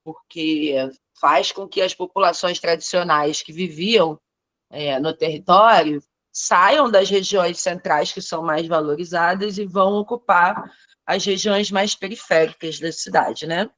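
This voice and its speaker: A woman's voice: lowish voice, a bit bright, dry recording. A woman teacher from Rio de Janeiro, speaking thoughtfully on a video call and often adding "né?". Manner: thoughtful, measured, frequent "né?" tags. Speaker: teacher in a training course. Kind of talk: reflective discussion on a video call.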